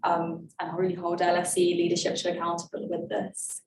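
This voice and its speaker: A woman's voice: fairly low pitch, completely flat delivery, brisk. A young adult woman, an election candidate answering hustings questions earnestly, with many fillers and restarts. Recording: echoey room from far off, faint hiss.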